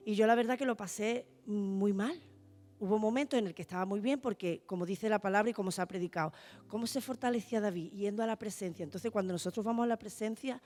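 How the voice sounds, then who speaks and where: A woman's voice: medium pitch, warm tone. A middle-aged woman from Spain, giving an earnest church testimony to the congregation. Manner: heartfelt, addresses the congregation as brothers. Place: church hall.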